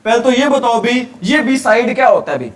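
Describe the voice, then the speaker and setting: A man's voice: extremely high pitch, lively intonation, normal speed, distant mic. A man teaching a grammar revision class, posing questions and answering them himself. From India.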